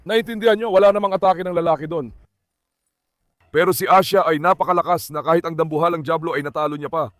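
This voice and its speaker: Lalaking mataas ang boses, nagkukuwento tungkol sa mga aso. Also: male voice, on the high side, steady tone, fast, fairly bright tone, no echo, clean studio sound. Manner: talks to viewers and coaxes his dogs. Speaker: dog owner narrating his dogs. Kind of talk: casual vlog commentary.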